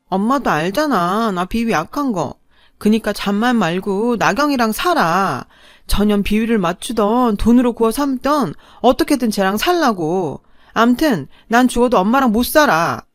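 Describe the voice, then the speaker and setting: A woman's voice: a little high, expressive, normal speed, no room sound, studio quality, natural voice. A woman voicing a spoiled, selfish older sister who talks in a whiny, dismissive way, in a radio drama reading.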